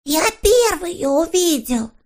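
A woman's voice: very high-pitched, very animated, a little slow, a little mellow, voice pushed up, heavily acted. A woman voicing a small, greedy, boastful male creature in a storybook reading, with a whiny, self-important manner.

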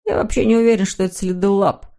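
Snufkin, a woman doing a calm cautious wanderer. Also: medium pitch, fast talker, close to an everyday voice. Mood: wary. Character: cautious wandering young male vagabond.

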